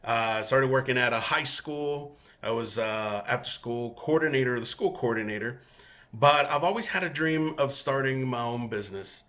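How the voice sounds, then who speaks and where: In his home collection room, a bright-voiced Mexican man with a mid-range voice walks through his collection and introduces himself casually. Spanish is his first language, and as the featured guest collector he comes across as easygoing and talkative, pausing often with fillers.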